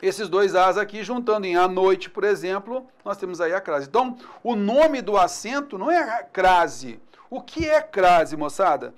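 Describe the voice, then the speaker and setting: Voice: medium pitch, lively intonation, normal speed. A teacher with a Brazilian accent giving a recorded exam-prep grammar lesson over screen slides, casual and upbeat, checking in with the students after nearly every point. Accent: Brazilian Portuguese.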